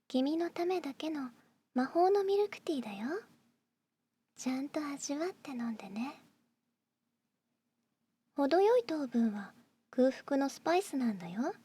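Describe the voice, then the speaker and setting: A young woman in an ASMR roleplay, playing a doting young woman who pampers the listener, speaking in soft, breathy whispers close to the microphone. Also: sits high, expressive, a little slow, long pauses. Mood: sweet, doting.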